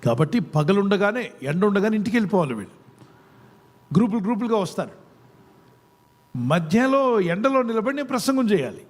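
A man's voice: high voice, big pitch swings, brisk, pauses often. A man preaching a sermon to a congregation, asking questions and urging them to answer aloud. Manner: call-and-response, quizzing the congregation. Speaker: pastor. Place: church service before a congregation.

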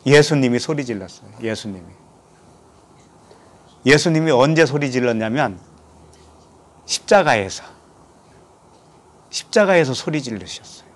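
A man from Korea preaches a sermon in a medium-pitched voice. As a pastor, he reads scripture aloud and questions his listeners. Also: lively intonation, measured pace, pauses often.

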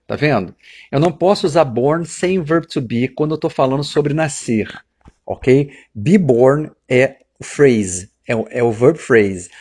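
A Brazilian man with a Brazilian Portuguese accent, teaching English grammar from film clips, who repeats the English phrases slowly and deliberately. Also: mid-range voice, a little mellow, slightly rough.

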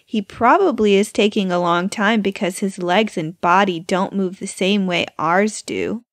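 Woman as a gentle young girl, older sister, slow soft speech, dry close sound. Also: mid-range voice, no room sound, lightly acted.

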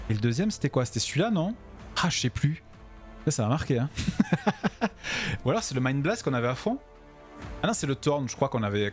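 Man streaming, tired, casual game commentary, chats to viewers, stumbles over words, very animated pitch, faint music behind. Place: at home.

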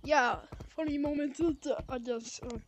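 High-pitched girl losing her voice. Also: a little slow, a little hiss or hum. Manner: jokey, shouty bursts. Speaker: VR game player. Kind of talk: casual gameplay chatter. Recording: game music behind.

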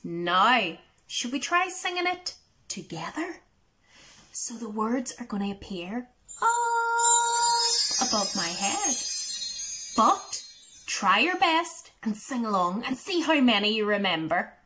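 A woman's voice: on the high side, big pitch swings, takes it slowly, pushed and bright, faint music behind. A woman leading a children's arts workshop, singing songs and cheerfully encouraging the children to join in.

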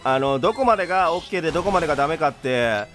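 A young man doing let's play commentary, rough-talking and exasperated, laughing often. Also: fairly high pitch, expressive, very fast, a bit bright, soft background music. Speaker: game commentator.

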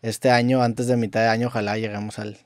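A man's voice: fairly low pitch, level tone, quick pace, a little mellow, no room sound, clean studio sound. A young man with a Mexican accent hosting a podcast, talking in a laid-back, slangy way. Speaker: podcast host. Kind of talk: casual chat.

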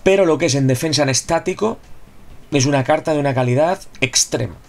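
A man's voice: a little high, brisk, gravelly. A man giving a casual, chatty video review of a football game card, often repeating himself and asking rhetorical questions. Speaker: gaming YouTuber reviewing a player card.

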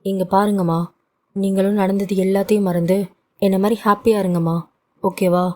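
A woman's voice: medium pitch, level tone, normal speed, mellow, lightly acted. A woman voicing a young adult son who brushes off his troubles and coaxes his mother. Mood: coaxing. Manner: coaxing, brushing things off. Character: young adult man, cheerful son hiding his hurt.

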